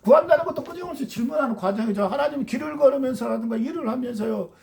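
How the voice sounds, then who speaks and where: Fervent gravelly Korean-language preacher. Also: sits high, racing, a little mellow. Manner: fervent, rhetorical questions to the congregation. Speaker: pastor. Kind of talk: sermon.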